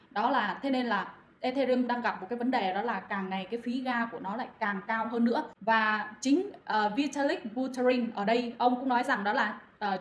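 A woman moderating a crypto channel, talking listeners through market reasons with frequent fillers and direct address. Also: fairly high pitch. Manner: addresses listeners as anh chị, many fillers. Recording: echoey room, faint noise.

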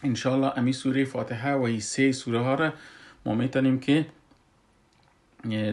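Hesitant Afghan Dari-accented man teaching. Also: medium pitch. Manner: hesitant, many "uh" fillers, then slow drawn-out recitation. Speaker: tajweed teacher. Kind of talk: slow explanatory Quran recitation lesson.

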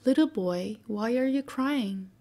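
A woman voicing a polite, motherly little girl in a soft whispered role-play for a bedtime storybook. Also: a little high, animated, unhurried. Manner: gentle, prim, sometimes indignant.

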